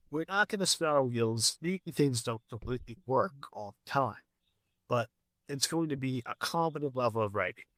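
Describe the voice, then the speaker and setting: A man's voice: medium pitch, bright, forceful tone, no echo. A man co-hosting a podcast, sarcastic and prone to long rants in casual chat. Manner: sarcastic, ranting. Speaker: podcast co-host.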